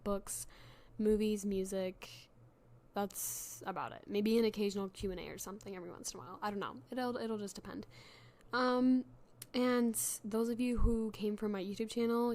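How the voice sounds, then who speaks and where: A young woman hosts a casual solo podcast in a medium-pitched, slightly mellow voice. She's chatty and self-deprecating, full of fillers and restarts, and her voice sounds worn from being sick.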